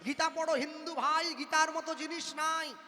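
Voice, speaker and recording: Male kirtan preacher, very high ringing voice, impassioned, rhyming cadence, reverberant hall. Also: fairly even intonation, normal speed, bright, forceful tone. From West Bengal, India. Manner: impassioned, declamatory, rhythmic rhyming delivery. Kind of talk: devotional sermon. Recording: reverberant hall with faint music.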